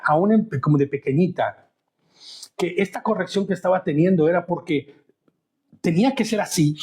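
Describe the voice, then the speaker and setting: A man's voice: sits high, mellow. A man teaching a conversational Bible study, often turning to his listeners with questions. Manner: chatty, asks listeners questions.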